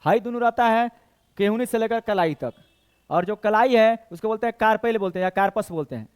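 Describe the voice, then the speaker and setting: A man's voice: high-pitched, a little fast, smooth. A male coaching teacher with a Bhojpuri-tinged Hindi accent, lecturing for competitive exams and counting bones aloud while quizzing the class. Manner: counts bones aloud, asks and answers his own questions.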